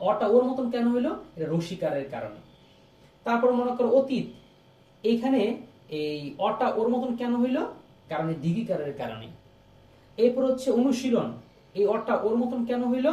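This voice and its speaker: A young male teacher, giving a lively exam-prep lesson and repeating questions to his students. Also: high voice, far from the mic. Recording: echoey room, off-mic.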